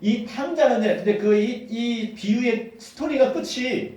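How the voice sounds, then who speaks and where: A male pastor preaching a sermon as animated storytelling, acting out the quotes. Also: very high-pitched, measured pace. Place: church hall. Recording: echoey hall from far off.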